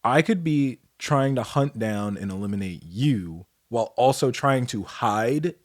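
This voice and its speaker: A young man co-hosting a podcast chat, with an even, mid-range voice. He explains things calmly and lets his sentences drift down to a quiet finish. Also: medium pitch, measured pace. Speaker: podcast co-host. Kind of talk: casual chat.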